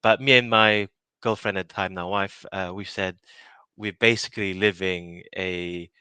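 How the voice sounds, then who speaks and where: A man's voice: low voice, fairly even intonation, normal speed, sharp tone, clean tone, no room sound. A man from Malaysia in his thirties, answering interview questions casually, with many fillers, restarts and easy laughs. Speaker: innovation project lead.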